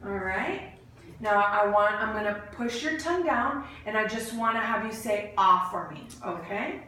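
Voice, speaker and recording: A woman's voice: mid-range voice, lively intonation, a little slow, bright, forceful tone. A woman clinician giving step-by-step exam instructions in an encouraging way, with short bits of praise. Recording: very echoey room, distant mic, faint noise.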